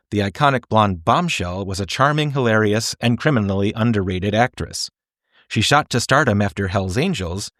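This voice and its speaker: Low-pitched man narrating a scripted video essay. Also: fairly bright tone, no echo, studio quality. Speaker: film reviewer and narrator.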